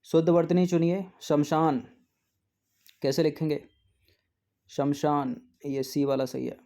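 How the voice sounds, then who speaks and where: Man teaching a spelling lesson, mellow voice. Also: fairly high pitch, level tone. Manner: goes through answer options aloud, repeating words slowly. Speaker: exam coaching teacher.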